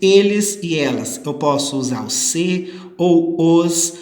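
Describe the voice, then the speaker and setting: A male teacher gives a recorded grammar lesson, his pitch rising and falling in a lively way as he explains. He speaks slowly and patiently and keeps checking whether the class is following. The sound is roomy, with a long reverb trailing behind him. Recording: echoey room with long reverb.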